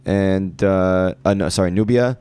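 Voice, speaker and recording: A man's voice: low-pitched, unhurried, darkish tone, smooth, no echo. A man hosting a podcast interview, giving short encouraging replies. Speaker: podcast host.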